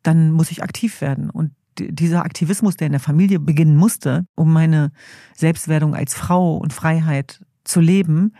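A woman's voice: low-pitched, fairly even intonation, moderate pace, mellow, no echo, studio quality. A middle-aged woman, a guest in an interview, telling her story in an earnest, reflective way. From Germany. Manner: earnest, storytelling, acts out quoted family voices.

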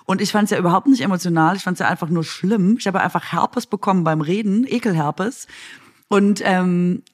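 Animated woman podcast co-host. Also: fairly low pitch, moderate pace. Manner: animated anecdote telling. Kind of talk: casual podcast chat.

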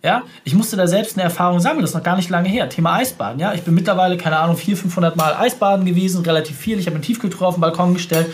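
A man with a somewhat high voice explains his ideas quickly and emphatically. He speaks to the listener directly, in the style of a business consultant giving a podcast interview.

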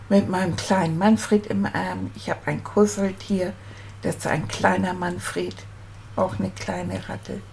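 A woman plays a small, earnest boy rat telling children about being homesick, in a soft and sincere voice. He talks at an unhurried, drawn-out pace, lingering over each thought as if sharing a secret. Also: lowish voice, vocal fry, slight background noise. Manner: slow, confiding storytelling to children. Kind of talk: children's puppet storytelling.

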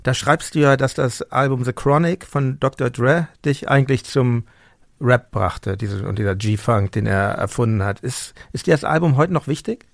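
A male podcast host with a gravelly, creaky voice, recorded close and dry. He asks long, searching questions and often restarts his sentences. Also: mid-range voice, normal speed, no echo. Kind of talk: conversational interview.

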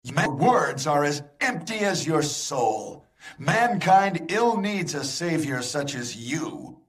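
A righteous monster hunter for a video game. His delivery is theatrical and declamatory, slow, in a fairly high voice. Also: sing-song. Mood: righteous outrage. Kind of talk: video game cutscene acting.

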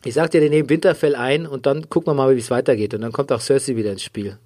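A man hosting a casual podcast recap, joking and rambling with drawn-out hesitations. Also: mid-range voice, steady tone, darkish tone. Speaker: podcast host. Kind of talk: casual chat recapping a TV series.

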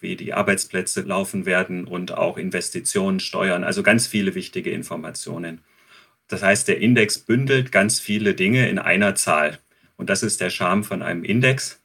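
Research expert, male, very low pitch, husky, methodical. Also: fairly bright tone. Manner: explanatory, methodical. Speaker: research head and interview guest. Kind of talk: expert explanation in an interview.

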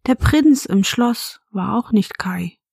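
A woman hosting a fairy-tale podcast, telling a bedtime story in a soft, gentle whisper, speaking to a child. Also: medium pitch, lively intonation, slow, creaky, husky, dry recording, clean studio sound.

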